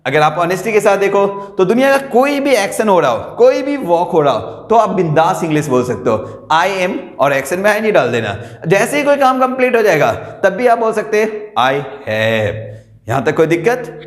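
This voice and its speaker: Man, teacher, high animated voice, quizzing students, echoey classroom with long reverb. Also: moderate pace. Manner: animated, repeats questions for students to call out answers. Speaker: English teacher. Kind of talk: classroom grammar lesson.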